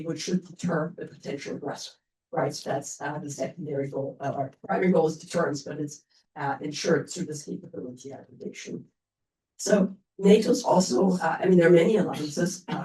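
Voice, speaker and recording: A woman's voice: low voice, dark tone. A woman with a stuffy voice from getting over a cold, explaining as an expert panelist and often checking in with "right?". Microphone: only microphone among the speakers. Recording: distant echoey room pickup.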